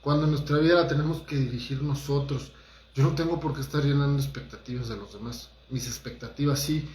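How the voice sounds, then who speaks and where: A man's voice: medium pitch, steady tone, fairly quick, a little mellow, echoey room, a little hiss or hum. A man, a holistic therapist giving a conversational motivational talk and speaking straight to his listeners. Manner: conversational, addresses listeners directly, acts out quotes.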